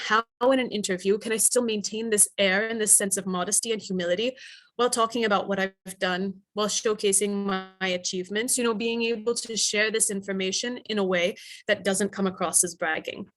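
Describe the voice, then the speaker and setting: A middle-aged woman giving interview advice in a webinar, speaking clearly with deliberate emphasis and pauses. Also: mid-range voice, fairly even intonation, a bit bright. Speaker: interview coach. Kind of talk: webinar presentation.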